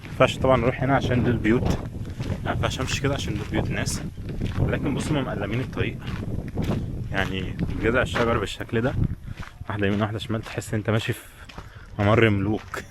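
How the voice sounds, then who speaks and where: Racing along yet broken by long pauses, this Egyptian man's lowish voice keeps a fairly even intonation. Speaking with an Egyptian accent, he chats casually with viewers as a travel vlogger amid busy crowd noise.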